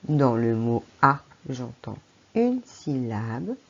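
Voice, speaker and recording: A woman's voice: rumbling low, big pitch swings, slow, gravelly, dull audio. A French woman teacher giving a patient phonics lesson to a young child, speaking to the child directly. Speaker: primary school teacher.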